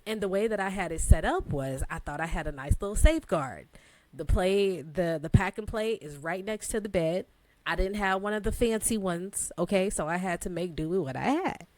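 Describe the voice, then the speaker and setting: A woman in her thirties, co-hosting a podcast, telling a story in a casual, animated way with relaxed phrasing and frequent laughter. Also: on the low side, moderate pace. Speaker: podcast co-host.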